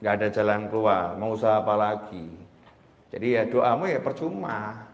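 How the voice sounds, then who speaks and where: A man voicing a sly male devil who whispers discouragement, in a low mocking tone. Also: moderate pace, reverberant, close to an everyday voice.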